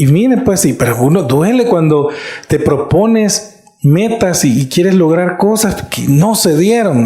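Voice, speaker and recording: Middle-aged pastor in an echoey hall. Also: male voice, a little high, warm tone. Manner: earnest and conversational, stops often to ask. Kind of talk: sermon. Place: church. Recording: echoey church room.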